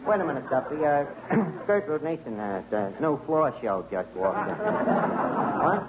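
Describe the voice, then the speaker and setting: A man's voice: fairly high pitch, lively intonation, measured pace. A man playing a slangy, wisecracking tavern manager in 1940s radio comedy acting. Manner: wisecracking, folksy, drops into slangy grammar. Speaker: tavern manager answering the phone. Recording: lo-fi old radio broadcast with hiss.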